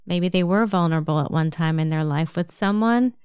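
A woman with a New Jersey accent giving a calm, measured self-help talk, explaining things step by step. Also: on the low side, clean tone, dry recording, studio quality.

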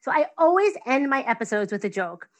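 A woman with a New York accent hosting a podcast interview, effusive and quick to laugh. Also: sits high, very animated. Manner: bubbly, effusive, laughs often. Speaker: podcast host. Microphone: video call.

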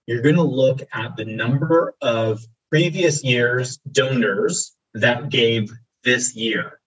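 A man cohosting as a fundraising trainer, explaining step by step in a measured way. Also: medium pitch, fairly bright tone, husky, low-quality recording. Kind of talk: explanatory advice talk.

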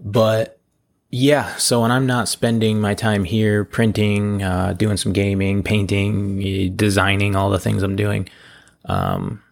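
Casual male podcast host, lowish and gravelly, allergy-hoarse, digressive and self-deprecating in unscripted solo chat. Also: takes it slowly. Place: at home, in a room below a bathroom.

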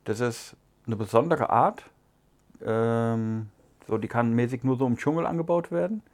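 Male co-host, easygoing and chatty, mid-pitched voice. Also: moderate pace. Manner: relaxed, chatty, muses with fillers. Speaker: podcast co-host. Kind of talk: casual cigar review chat.

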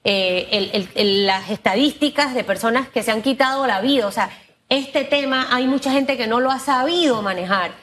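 A woman's voice: on the high side, normal speed, fairly bright tone, a little hiss or hum. A woman with a Panamanian Spanish accent hosting a broadcast interview in an informal, direct, colloquial way. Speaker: talk show host. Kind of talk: lively conversational broadcast interview.

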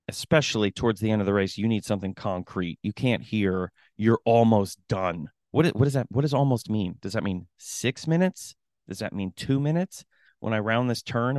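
A man's voice: lowish voice, darkish tone, no room sound, clean studio sound. A man co-hosting a casual podcast as a running coach, talking emphatically and often laughing as he makes his points. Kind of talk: casual chat.

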